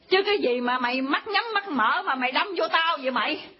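An actress playing a cantankerous old grandmother who scolds and insults, with a husky voice. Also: high-pitched, lively intonation, brisk. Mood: scolding. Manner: scolding, insulting, mock-sweet. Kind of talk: comedy skit acting. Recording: dull lo-fi recording.

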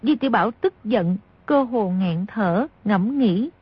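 A woman reading a martial-arts novel aloud as an audiobook narrator, in a steady, measured way. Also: mid-range voice, breathy edge. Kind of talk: scripted storybook narration. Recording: dry, dull lo-fi audio.

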